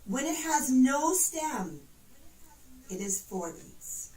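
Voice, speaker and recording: Teaching at a piano indoors, a woman patiently encourages her student while counting and demonstrating notes. She speaks slowly in a high, darkish voice that's very animated. A distant microphone picks up room echo and faint piano.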